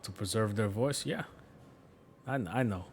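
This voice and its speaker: While gaming on stream, a New Yorker with a fairly low voice chats at normal speed. His storytelling is rambling and relaxed, with plenty of profanity.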